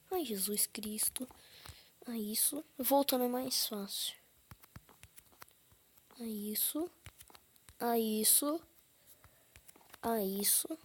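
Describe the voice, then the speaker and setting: A woman's voice: a little high, slight background noise. A woman casually commenting on her own gameplay, counting under her breath, whispering asides and breaking into sudden frustrated outbursts. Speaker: gaming channel host.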